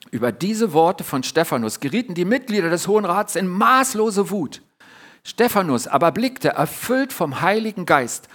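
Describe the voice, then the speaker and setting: A man preaching a sermon, addressing his listeners warmly and retelling Bible scenes with dramatic pauses. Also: high voice. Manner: earnest, addresses listeners directly as "ihr Lieben"; retells Bible scenes with quoted lines and dramatic drops in volume.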